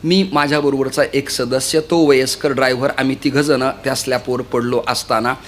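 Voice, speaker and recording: A man's voice: medium pitch, brisk, slight background noise. A man preaching a kirtan sermon, telling stories and repeatedly urging the audience to listen. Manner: lively storytelling, often urging listeners to listen.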